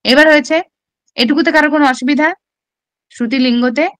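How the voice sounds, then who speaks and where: A woman's voice: high voice, fairly even intonation, fast talker, fairly bright tone, dry recording. A woman teacher with a Bengali accent explains a classical text step by step in an online exam-prep class, often asking rhetorical questions.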